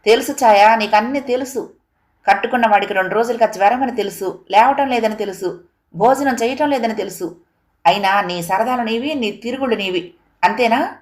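A woman's voice: mid-range voice, normal speed, lightly acted. A woman voicing a feverish, hurt husband who pleads earnestly with his wife. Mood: angry.

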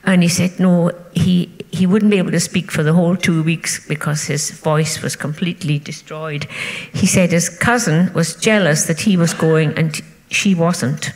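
A woman's voice: fairly low pitch, moderate pace, hardly any pauses. Woman telling a story in a hall. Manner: lively storyteller who acts out the voices in her anecdotes. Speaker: panel speaker, folklorist. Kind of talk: anecdotal storytelling on a panel. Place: public hall. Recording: hall reverb from a live talk.

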